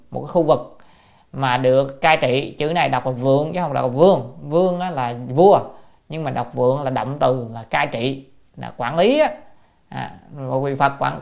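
A man giving a Buddhist sutra commentary lecture. He chants classical phrases slowly, then explains them word by word, often asking his listeners rhetorical questions. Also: medium pitch, creaky.

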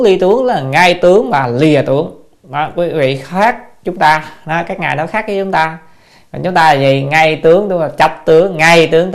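Sermon voice: dharma teacher, gravelly, mid-pitched, rhetorical questions, repetitive. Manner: explains with rhetorical questions and repeated "đó". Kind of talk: sermon lecture.

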